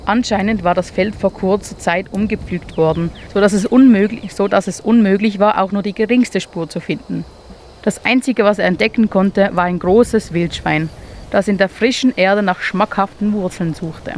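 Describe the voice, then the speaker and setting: A woman reading a children's story aloud, as if to listeners gathered around a campfire. Her voice sits at a middle pitch and moves calmly and invitingly. A faint hum of noise stays in the background. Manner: calm, inviting, measured.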